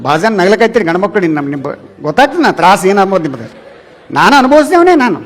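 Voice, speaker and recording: A man with a very high, light voice and a North Karnataka Kannada accent performs stand-up comedy. He tells chatty stories and keeps turning to address the audience directly. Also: big pitch swings, fast. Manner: chatty storytelling, repeatedly calls the audience "relatives". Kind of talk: humorous stage talk to a live audience.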